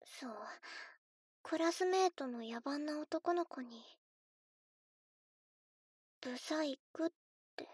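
A small, lonely schoolgirl, as a woman acts her out, talking in a high, childlike, plaintive voice. She speaks slowly and softly to her dolls in a solo voice drama. Dry close sound with faint music behind. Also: dry recording. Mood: sweet, doting. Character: lonely bullied schoolgirl who talks to dolls.

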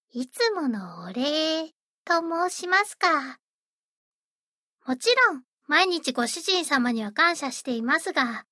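A woman's voice: very high voice, bright, forceful tone, no echo, studio quality, full character voice. A woman voicing a sweet, eager young maid-café hostess who speaks politely and dotingly. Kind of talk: roleplay audio drama.

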